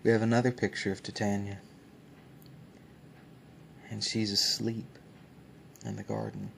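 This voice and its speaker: A man hosting ASMR in a soft, unhurried way, often near a whisper, pausing as he describes things. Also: on the low side, little pitch movement, vocal fry, a little hiss or hum. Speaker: ASMR host. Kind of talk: soft ASMR book show-and-tell, often dropping to a whisper.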